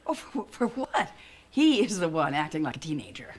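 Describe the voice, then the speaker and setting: A wry, breathy middle-aged wife. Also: female voice, low-pitched, very animated, moderate pace. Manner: sarcastic, dry. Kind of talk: daytime soap acting.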